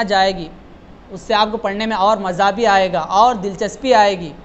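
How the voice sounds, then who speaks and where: High voiced guy teaching quran recitation, patient, slow model phrases, kinda dull lo-fi recording. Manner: explains patiently, often adds "hai na", slows down to model recitation line by line. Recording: dull lo-fi sound with faint noise.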